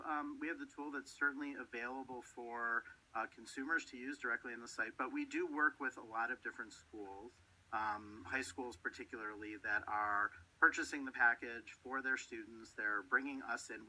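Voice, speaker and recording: A man's voice: medium pitch, sharp tone, poor audio. A middle-aged man from Detroit, a guest in a radio interview, talking earnestly and often repeating his words. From Detroit, Michigan. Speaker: guest, company representative. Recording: radio studio.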